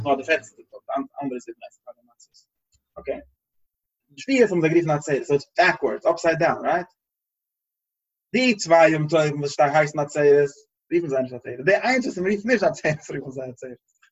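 A man giving a Torah class, reasoning aloud in a halting, searching way and often repeating phrases. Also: mid-range voice, husky, lo-fi sound. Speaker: Torah teacher.

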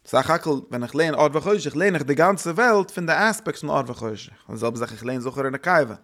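A man giving a religious lesson, thinking aloud in halting phrases that he often repeats and restarts. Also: a little high, animated, fairly bright tone. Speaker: religious teacher.

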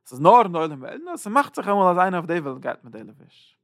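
A man teaching a Zohar lesson, halting and repeating words, swinging between loud and soft. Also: high-pitched, sing-song. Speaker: Torah teacher.

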